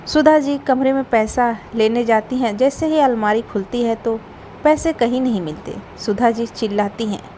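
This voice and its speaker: A woman's voice: a little high, moderate pace, a little hiss or hum, low-quality recording. Woman narrating a family storybook. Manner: steady storybook reading.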